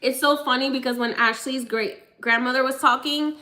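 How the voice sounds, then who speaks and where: A woman's voice: high-pitched, steady tone, moderate pace, bright, forceful tone. A young woman working as a psychic medium, casually relaying messages from the dead with frequent laughter. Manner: laughing, relaying spirit messages in quoted voices. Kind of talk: live mediumship reading, casual.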